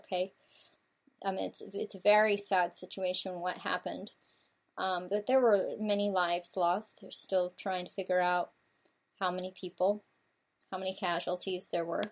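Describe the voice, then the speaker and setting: A woman hosts her own talk show in a loose monologue. She rambles through her thoughts with frequent fillers and restarts. Her voice sits at an ordinary middle pitch. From United States. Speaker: show host.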